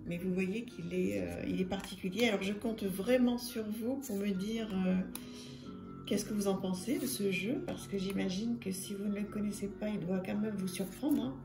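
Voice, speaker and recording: The host of a tarot channel, a Frenchwoman, displays a deck while chatting informally, leaning on fillers and saying words more than once. She speaks at a normal pace in a mid-range voice with vocal fry. An echoey room and soft background music shape the recording.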